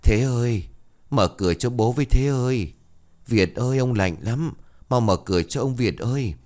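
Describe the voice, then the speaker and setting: A man's voice: mid-range voice, normal speed, a little mellow, pitched above the performer's own voice, natural voice. A man voicing the ghost of a dead grandfather who calls plaintively at the gate to be let in. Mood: pleading.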